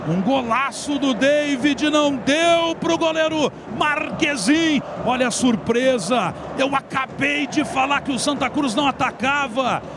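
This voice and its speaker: A man calling football in explosive, shouted goal commentary, with excited drawn-out calls and rapid bursts. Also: extremely high pitch. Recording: loud outdoor stadium ambience noise.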